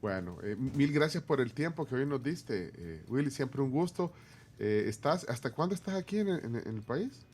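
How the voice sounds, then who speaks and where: Lively-voiced male radio host. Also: medium pitch, moderate pace, a little hiss or hum. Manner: casual, reads listener comments aloud. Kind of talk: radio studio interview. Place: radio studio.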